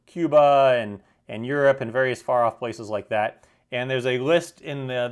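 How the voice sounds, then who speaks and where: A medium-pitched man, a product reviewer, gives an unscripted demonstration of a product. He explains things in a plain-spoken way and sometimes halts to correct himself.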